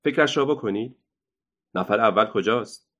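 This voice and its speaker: In a storybook reading, a man with a fairly low voice plays a male circus ringmaster who is loud, boastful and quick-tempered, announcing like a showman.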